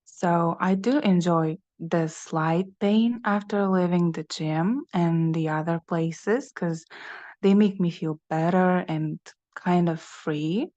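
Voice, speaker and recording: A woman's voice: on the low side, slow pace, warm tone, dry recording, dull audio. A woman student with a non-native English accent answering a speaking practice question, hesitant and searching for words.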